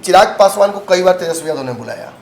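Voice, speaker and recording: A man's voice: sits high, animated, fast, a little mellow, reverberant. A man, hosting and giving casual political commentary in an emphatic, argumentative way, slipping in English phrases. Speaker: political commentator and show host.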